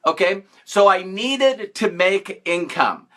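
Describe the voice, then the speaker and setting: A man's voice: high-pitched, lively intonation, slow, bright, forceful tone. Upbeat man hosting a live stream. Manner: upbeat, greets viewers by name, playful mock-sarcastic emphasis. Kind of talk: casual live-stream talk to viewers.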